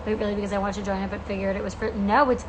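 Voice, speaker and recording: An American woman in her twenties with creaky vocal fry, chatting casually to fans on a livestream in a gushing, emphatic, slangy way. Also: medium pitch, little pitch movement, very fast, slight background noise. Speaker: podcast host and coach.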